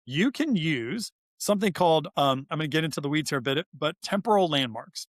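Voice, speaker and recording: This author and behavioral scientist appears as a podcast guest, talking in a fairly high, animated voice at a brisk clip with no echo. He's informal and emphatic, repeating words to drive his points home as he explains things.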